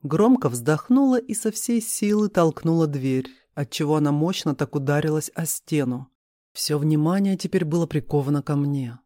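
Storyteller guy, slightly high but mellow, dry close mic, steady reading. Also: moderate pace, no echo. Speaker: audiobook reader. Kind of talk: reading a first-person novel aloud.

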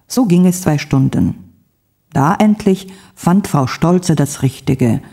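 A woman narrating a story for a language textbook in a careful, clear, expressive way. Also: low-pitched.

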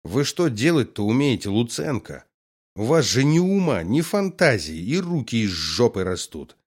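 A man's voice: medium pitch, very animated, moderate pace. Man voicing a scornful stern army colonel. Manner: sarcastic, scolding, firm.

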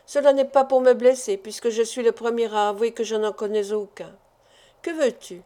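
A woman's voice: fairly high pitch, steady tone, moderate pace, mellow, close to an everyday voice. A woman reading a proud, impatient young man. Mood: pressing. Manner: pressing, impatient questions. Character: jealous, proud young man, quick to anger. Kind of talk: audiobook dialogue reading.

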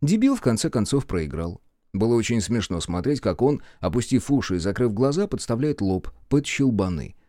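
Expressive male storyteller, dry and close. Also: mid-range voice, normal speed, dry recording. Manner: lively, expressive reading. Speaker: audiobook narrator.

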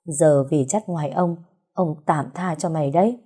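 A woman's voice: deep voice, normal speed, mellow, husky. A woman voicing an elderly grandfather who scolds tenderly and sounds choked up, in a storybook reading. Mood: tender scolding. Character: emotional elderly grandfather, gruff but loving.

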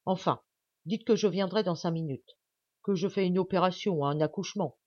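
Brief: gruff, impatient country doctor, loud and blustering, as a woman reader puts him on; dry, dull recording. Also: lowish voice, normal speed, no room sound, close to an everyday voice. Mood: exasperated.

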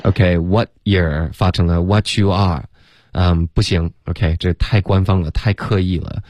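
A man coaching English pronunciation, patiently correcting sounds and repeating them slowly to model them, with English words mixed into his explanations. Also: low voice, steady tone, a little mellow, muffled recording, a little hiss or hum.

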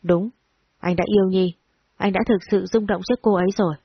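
A woman's voice: mid-range voice, steady tone, brisk, gravelly, breathy edge, no room sound, highs cut off. A woman reading the lines of a cold, stern young male company director in an audio story, in a curt, firm way.

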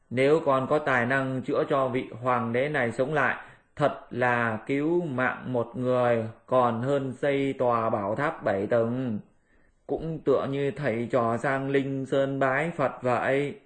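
A tender-hearted old monk master, speaking slowly and mournfully in a middle voice, as a male storyteller puts him on. He preaches compassion in drawn-out phrases. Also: medium pitch, fairly even intonation, natural voice. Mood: pleading. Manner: slow, lamenting, preachy.

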